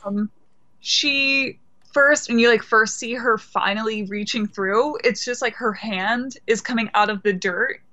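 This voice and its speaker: Female podcast co-host, bright, higher voice, irreverent and giggly, slightly dull lo-fi audio. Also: unhurried. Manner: laughing, loose and irreverent. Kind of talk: casual movie discussion.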